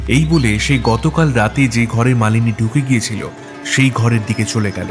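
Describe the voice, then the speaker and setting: A man reads an audio story in a steady, measured narration. His voice sits at an ordinary, mid-range pitch. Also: soft background music.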